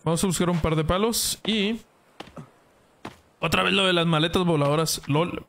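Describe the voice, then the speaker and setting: Young male gaming streamer, high bright voice, casual, excitable, shouts when things go wrong, with faint hiss behind. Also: normal speed. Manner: excitable, yelps and groans at the game, greets viewers by name. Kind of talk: casual live gameplay commentary.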